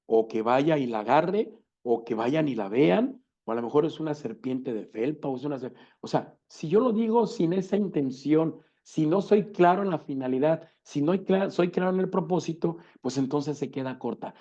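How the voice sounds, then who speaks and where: A man's voice: on the high side, animated, normal speed, few pauses, warm tone. A man lecturing on law, explaining step by step, asking rhetorical questions and repeating key words. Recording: dull lo-fi recording.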